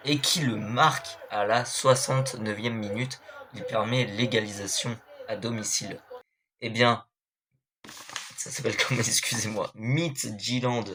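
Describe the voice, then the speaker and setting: A man's voice: fairly low pitch, steady tone, unhurried, a crowd in the background. A young man hosting an esports club show, giving a casual, hesitant recap of football matches with many fillers and apologies.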